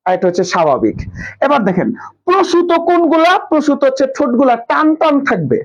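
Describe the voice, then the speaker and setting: A man's voice: very high voice, huge pitch swings, fast talker. A young man teaching a live online class, drilling students with questions and repeating answers. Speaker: online tutor. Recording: dull lo-fi live stream audio.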